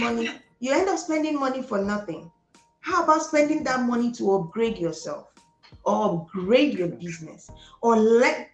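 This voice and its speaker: A woman with a Nigerian Igbo accent, a psychologist appearing as a guest, offers emphatic motivational advice, repeating words for stress and slipping into Pidgin. Her voice is fairly high and creaky, and the recording is reverberant and of poor quality.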